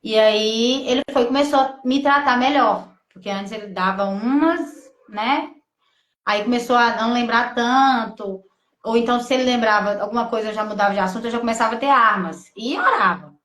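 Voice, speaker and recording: A woman tells her own story in a halting, emotional voice that keeps restarting and slipping into quoted thoughts. Her voice sits fairly high, and the room around her rings with echo. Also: a bit bright. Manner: halting, full of restarts and quoted self-talk. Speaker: testimony guest. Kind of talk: emotional personal testimony. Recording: echoey room.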